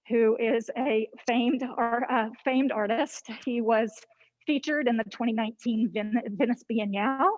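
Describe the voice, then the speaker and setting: Slightly high-voiced, a woman gives a casual guided tour through a library's stairwell and vestibule, a little out of breath as she walks and talks, with frequent ums and restarts. The lo-fi audio, with no room sound, comes from a handheld phone camera on a video call.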